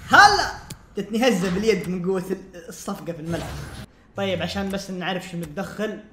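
A man commentating his own football video game play, swinging from muttering to shouting and laughing. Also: high voice, fairly even intonation, fast, background noise. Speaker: gaming streamer. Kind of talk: casual gameplay commentary. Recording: roomy sound with loud game music.

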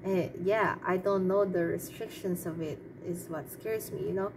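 Speaking at a normal speed in a fairly low voice, a woman offers her views casually and off the cuff. Her delivery wanders and falters as she thinks out loud, over a clearly noisy background.

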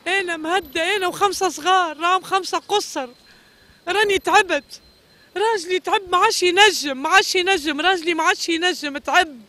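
A woman's voice: very high-pitched, a little fast, sharp tone. A middle-aged woman with a Tunisian Arabic accent giving a pleading street interview, repeating her phrases over and over. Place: street outdoors.

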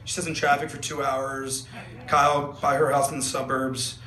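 Speaking at medium pitch with a flat delivery and moderate speed, a young man rambles through his best man toast, leaning on fillers and cracking jokes into a handheld mic. Laughter from guests fills the large wedding tent, where the sound is echoey and the room noise loud.

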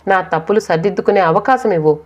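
A woman's voice: medium pitch, quick pace, lightly acted. A woman voicing a remorseful older husband who pleads tearfully for his wife's forgiveness. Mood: remorseful pleading. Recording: dull lo-fi recording.

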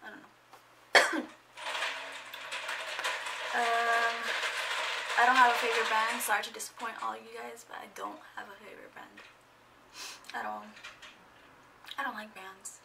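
A woman's voice: fairly high pitch, little pitch movement, a little slow, vocal fry, long pauses, distant mic, very noisy. A young woman in her twenties chatting casually in a get-to-know-me vlog at home, rambling and a bit awkward, full of fillers. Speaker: vlogger. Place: at home indoors. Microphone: camera microphone.

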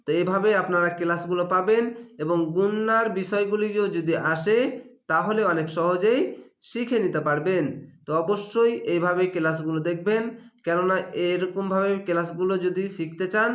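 A man's voice: sits high, moderate pace, a bit bright. A man teaching Quran reading, spelling out letters and vowel marks and drawing out the recited words, asking and answering his own questions. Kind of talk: slow spelled-out recitation lesson. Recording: echoey room.

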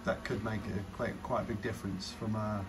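Speaking fairly quickly in a lowish, even tone, this man offers informal drone-review commentary, musing hesitantly as he goes. The outdoor recording, made on a rainy garden patio, carries noticeable background noise.

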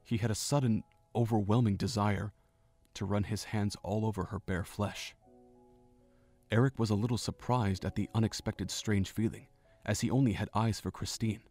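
Faint, soft music runs underneath as a man reads the story's narration. His voice sits somewhat low and measured, and he keeps his delivery steady and even.

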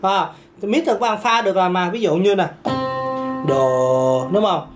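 A man's voice: sits high, quick pace, music in the background. A man, a singing teacher answering viewer questions in a casual lesson, chatty and repetitive, laughing now and then. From Vietnam. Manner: chatty, repeats words, laughs often, demonstrates notes.

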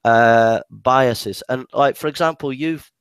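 A man arguing his side in a casual debate, often pausing and restarting his sentences. His voice sits at an ordinary pitch, and the sound is dry and close to the mic, with no room around it. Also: clear, resonant tone, no room sound. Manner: hesitant, many restarts and repeated words.

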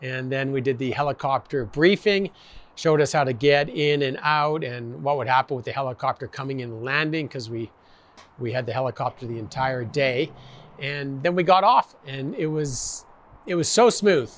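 Halting man recalling a ski day. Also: medium pitch. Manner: halting, many fillers. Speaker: blind skier. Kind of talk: interview recollection. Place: outdoors by forest.

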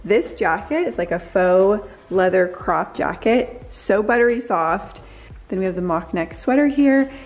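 A woman's voice: medium pitch, lively intonation, unhurried, a little mellow. Upbeat woman vlogging at home. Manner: upbeat, gushing, chatty. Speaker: lifestyle vlogger. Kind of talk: casual vlog try-on chat. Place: bright living room at home. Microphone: camera in hand and mirror selfies.

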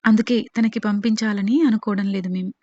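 A determined young woman, firm and unafraid, protective of her older sister, read by a woman storyteller. Her voice sits at a middling pitch on a dry, dull, lo-fi track. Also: steady tone, a little fast, dark tone, no echo, lightly acted. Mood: defiant. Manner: firm, defiant.

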